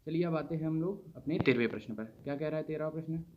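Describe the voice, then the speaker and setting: A man's voice: a little high, quick pace, dull audio, heavy background noise. A man teaching an online exam-prep lesson, asking questions aloud and then answering them himself.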